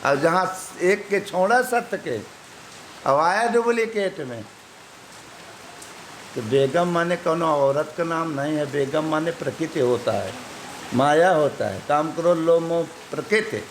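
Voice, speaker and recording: Slow, high-voiced preacher with an eastern Uttar Pradesh accent. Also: male voice. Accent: eastern Uttar Pradesh Hindi. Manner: folksy, uses proverbs and homely examples. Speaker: spiritual teacher. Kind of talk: devotional sermon. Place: ashram gathering. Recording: echoey room with faint hiss.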